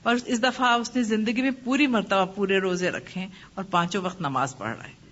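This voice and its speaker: A woman religious teacher giving a lecture and answering questions, advising gently through personal stories. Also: mid-range voice. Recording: muffled lo-fi with faint hiss.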